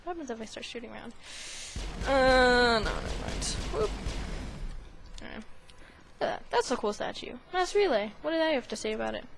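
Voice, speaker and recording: Over video game sound, a woman hosting a gaming video offers casual, silly commentary as she plays, breaking into sing-song asides. Her voice is on the high side, expressive, brisk and gravelly, with long pauses and a little hiss or hum in the audio.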